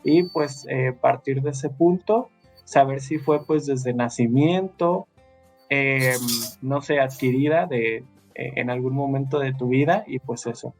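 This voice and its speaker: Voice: medium pitch, unhurried, a little mellow, faint music behind. Hesitant podcast interviewer, winding questions.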